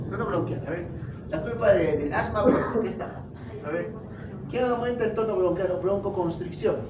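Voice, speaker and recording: A man giving a classroom lecture, quizzing his students with quick questions. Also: high voice. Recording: echoey room, far from mic, noisy.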